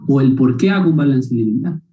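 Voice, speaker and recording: A man's voice: mid-range voice, animated, quick pace, phone-quality sound. A man teaching a university class who keeps checking in with his students and asking them questions. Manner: questions students, tags statements with "¿no?". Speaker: university lecturer. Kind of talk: university lecture. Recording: roomy, distant mic.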